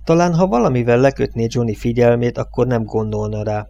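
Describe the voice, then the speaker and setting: A man narrating a novel as an audiobook, reading in a measured, steady way. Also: medium pitch, gravelly, muffled recording. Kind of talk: scripted narration.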